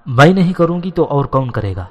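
A man's voice: fairly high pitch, sing-song. A man voicing a furious, proud old queen mother who scolds bluntly, in a storybook reading. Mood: angry. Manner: indignant, scolding. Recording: long hall reverb.

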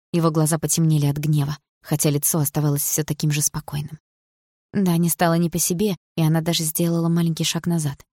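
A woman narrating an audiobook of a romance novel in an even, steady reading voice. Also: low-pitched, no echo, clean studio sound. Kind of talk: scripted narration.

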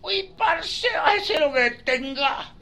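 A young street thief, barking slangy demands in a high, bright voice as a preacher puts him on. His threats quickly tip into breathless, frantic pleading. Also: animated, faint music behind, heavily acted. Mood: threatening. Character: young male street robber, gruff and panicky.

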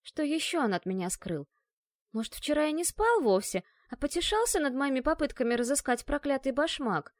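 A hot-tempered young inventor girl, played by a woman narrator, shrill and indignant. Her pitch sits high and leaps about, recorded dry and close. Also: lively intonation, fairly quick, dry recording. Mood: bitter.

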